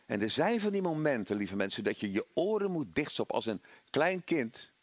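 A middle-aged man preaching a sermon, animated, acting out voices of doubt and the devil. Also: medium pitch, normal speed, no room sound.

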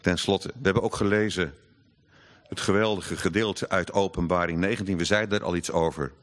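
A man preaching a sermon, earnest and emphatic, slowing down to read scripture aloud. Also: low voice, fairly even intonation.

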